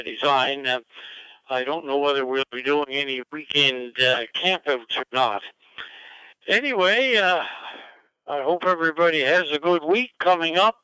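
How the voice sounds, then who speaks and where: A man checking in casually to an amateur radio net over a two-way radio, measured and polite. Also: fairly high pitch, pushed and bright, clean tone, no echo, low-quality recording. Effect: two-way radio transmission.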